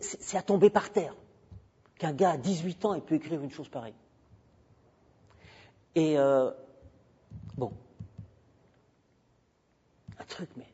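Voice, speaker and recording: This guest lecturer's voice is a little high, dark and husky. He talks emphatically into a handheld microphone at a university, drifting off topic and bantering with the audience. The audio is dull and lo-fi, with a long reverb from the hall.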